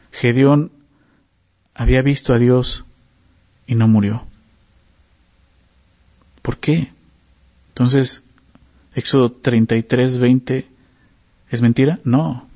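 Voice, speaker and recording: A man preaches in an easy, conversational way, keeping his listeners with him through frequent little questions. His voice is gravelly and dark, and the recording sounds dull and lo-fi. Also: medium pitch. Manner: repeats words while searching for phrasing. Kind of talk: sermon.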